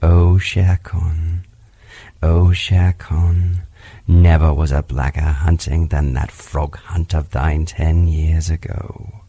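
Man reader doing a grave, deep, slow-speaking panther, husky and dry; storybook read. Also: flat delivery, warm tone, no echo, heavily acted. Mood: solemn.

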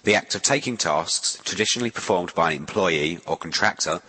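A man hosting a radio show, reading a scripted introduction in a measured, announcer-like way. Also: low-pitched, animated, pushed and bright, breathy edge, poor audio.

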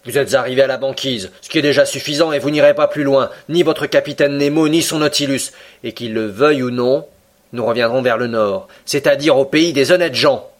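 A man reading the lines of a blunt, impatient harpooner in a French audiobook, gruff and a bit raised. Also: medium pitch, fairly quick, close to an everyday voice.

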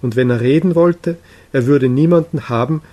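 A man reading the lines of a wise, solitary male prophet, speaking in a measured, solemn way. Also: mid-range voice, dark tone, close to an everyday voice. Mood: grave.

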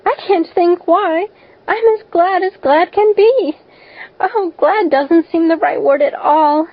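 A woman's voice: high voice, takes it slowly, pitched above the performer's own voice. A woman voicing an emotional, dreamy orphan girl in an audiobook, earnest and effusive, on a slightly dull recording. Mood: tearful, overjoyed. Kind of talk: audiobook character voice.

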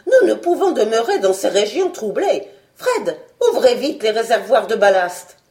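A woman voicing a commanding older male scientist who shouts urgent orders. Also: fairly high pitch, big pitch swings, moderate pace, roomy sound. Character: commanding elderly male scientist, cool-headed.

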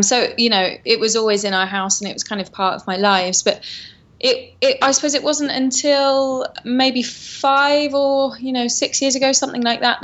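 A woman from Surrey, England, with a Home Counties English accent chats casually as an interview guest and tea company founder, explaining things in a loose, hedging way. Her voice is a little high and fairly bright, with the highs cut off.

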